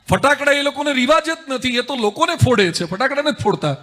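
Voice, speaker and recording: High, bright-voiced monk telling stories. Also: male voice. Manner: lively storyteller, rhetorical and humorous. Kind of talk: spiritual discourse with anecdotes.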